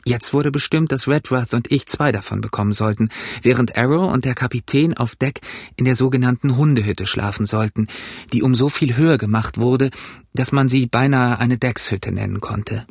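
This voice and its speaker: A man narrating an audiobook in an even storytelling delivery. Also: medium pitch, moderate pace, husky, dry recording, clean studio sound. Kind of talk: scripted narration.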